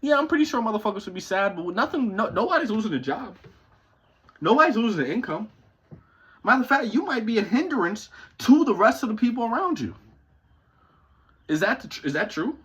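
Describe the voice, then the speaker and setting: A man's voice: sits high, sing-song, brisk, pauses often, a bit bright, breathy edge, dull audio. A man in his twenties delivering a profane, confrontational motivational rant at home, swearing constantly. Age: 20s. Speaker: vlogger. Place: his parents' house.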